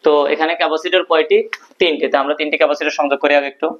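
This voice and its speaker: A man's voice: on the high side, steady tone, racing, fairly bright tone. A male teacher explaining a physics proof at a board, asking questions and answering them himself. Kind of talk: physics lesson at a whiteboard. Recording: dull lo-fi recording.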